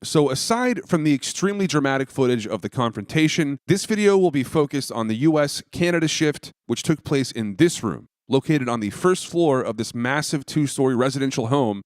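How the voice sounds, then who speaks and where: Guy doing scripted investigation voice-over, mid-pitched, really dry sound. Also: expressive, a little fast, few pauses, dry recording. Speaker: host and investigator narrating. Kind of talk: scripted documentary narration.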